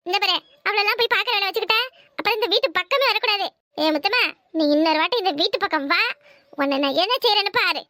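Cruel mother-in-law, southern Tamil Nadu accent, very high shrill voice, fast taunting delivery, cartoon. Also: pushed and bright, dry recording, studio quality. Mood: spiteful. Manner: taunting, rapid-fire scolding. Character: spiteful scheming mother-in-law, sharp-tongued and cruel. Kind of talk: cartoon voice acting.

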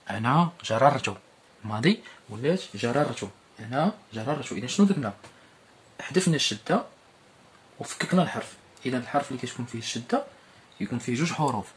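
Teaching a primary school Arabic lesson, a man with a Moroccan accent explains and slowly repeats each word form. His voice is medium in pitch, with a little hiss or hum on the recording.

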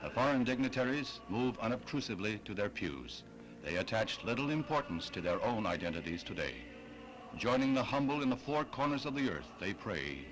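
A man's voice: on the low side, background noise. Solemn old newsreel narrator, man. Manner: solemn, measured, declamatory. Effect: old 1960s newsreel sound. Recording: old newsreel track with music. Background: music.

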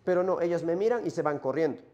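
A man's voice: on the high side, quick pace, warm tone, muffled recording, natural voice. A man acting out a lonely male Minotaur who longs for death, speaking in a rambling first-person monologue full of rhetorical questions.

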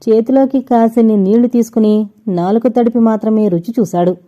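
A woman reading a suspense audio novel aloud in an even, steady storytelling manner. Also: a little high, fairly quick. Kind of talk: scripted narration of a suspense novel. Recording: slightly dull lo-fi audio.

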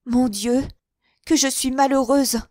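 A woman voicing a haughty, jealous wealthy lady who speaks in shrill, indignant outbursts. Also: fairly even intonation, takes it slowly, a little mellow, no echo, studio quality. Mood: anguished.

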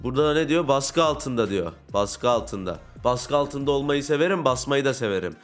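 A young man giving casual commentary on a football video game, getting frustrated, ranting and shouting at big plays. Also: medium pitch, expressive, brisk, faint music behind. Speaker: gaming YouTuber.

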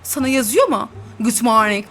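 A woman's voice: a little high, lively intonation, normal speed, over music. A young woman chatting and teasing through a role-play game, laughing often as she comments. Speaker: gaming YouTuber.

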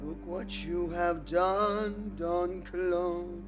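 Brief: a man doing an overwrought avenging son, fake English accent, slow and declamatory. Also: high-pitched, steady tone, over loud music. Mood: defiant. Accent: put-on English. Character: enraged melodramatic young adult son. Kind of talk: comedy sketch acting.

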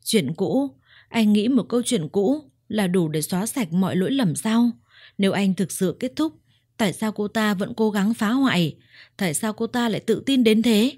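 A woman's voice: medium pitch, animated, normal speed, darkish tone, husky, no echo, clean studio sound. A woman voicing a betrayed young wife who speaks in a trembling, accusing way. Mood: angry. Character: young wife, hurt and angry.

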